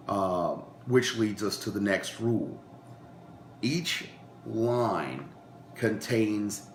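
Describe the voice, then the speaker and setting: Slow-spoken man teaching a class in a roomy space. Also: low voice, slight background noise. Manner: unhurried, frequent ums and uhs, restarts. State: recovering from a cold, coughing. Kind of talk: informal lecture to a class. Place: meeting room with a class.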